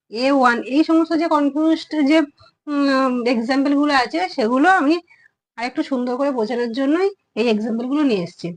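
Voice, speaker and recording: A woman's voice: high voice, poor audio. A woman teaching a children's English grammar lesson, patiently repeating words and sounding out each vowel. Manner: patient, explanatory.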